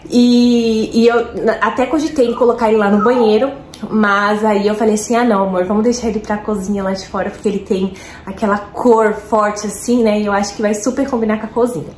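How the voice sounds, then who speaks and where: Brazilian woman vlogging at home, excited chatty talk, echoey room w faint hiss. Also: medium pitch, brisk. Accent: Brazilian Portuguese. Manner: chatty and excited, many fillers, addresses viewers as "gente". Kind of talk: casual chat. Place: at home, roomy indoor space.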